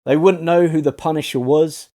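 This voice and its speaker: A man's voice: a little high, steady tone, moderate pace, mellow. A man reading a scripted review voice-over of a TV series, sarcastic and full of swearing. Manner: sarcastic, profane, ranting.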